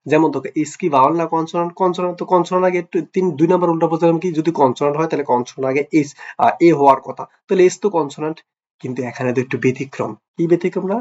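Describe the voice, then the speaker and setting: A man teaching a grammar lesson to young pupils, often asking "clear?" and quizzing them with playful, affectionate words. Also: on the high side, darkish tone. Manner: repeats "clear?" and quizzes the listener; affectionate, teasing address to pupils. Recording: dull lo-fi recording.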